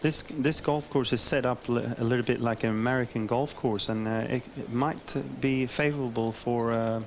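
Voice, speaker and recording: A man with an average-pitched voice serves as golf co-commentator. He explains shots hesitantly and off the cuff, with faint noise behind him. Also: fairly even intonation, moderate pace.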